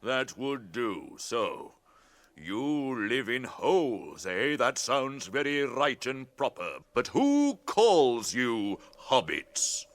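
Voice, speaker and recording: In a radio drama, a male actor voices an ancient, ponderous Ent, a tree herder who talks deliberately while humming and musing. His mid-range voice swings widely in pitch, and he sounds curious and amused.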